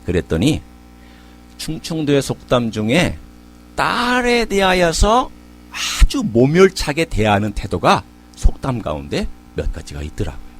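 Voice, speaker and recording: A man's voice: mid-range voice, wildly swooping pitch, unhurried, a bit bright, a little hiss or hum. A middle-aged man preaching a sermon as pastor, telling stories in a conversational way and asking rhetorical questions. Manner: conversational storytelling.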